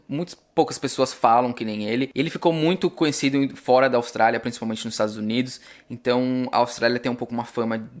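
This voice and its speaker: A man with a Brazilian Portuguese accent, chatting casually as a vlogger and repeating sample words slowly to explain them. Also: medium pitch. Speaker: vlogger teaching English.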